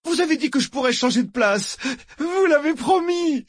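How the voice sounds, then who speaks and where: A man putting on a shrill, whiny coward. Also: lively intonation, moderate pace, no room sound, studio quality. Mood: pleading. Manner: shrill, begging, near shouting. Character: panicking cowardly man, whiny like a spoiled child.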